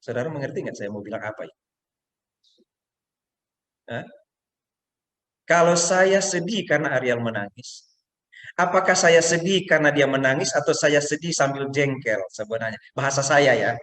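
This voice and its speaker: A man's voice: mid-range voice, moderate pace, long pauses. A middle-aged man with an Indonesian accent preaching a sermon, telling stories and acting out quotes. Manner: animated storytelling, acts out quotes. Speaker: pastor. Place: church hall. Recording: echoey room.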